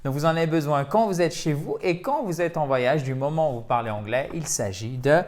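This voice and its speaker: A man's voice: fairly high pitch, animated, a little fast, a little mellow. A man teaching English pronunciation in a video lesson, explaining in French and repeating example words with the stress marked.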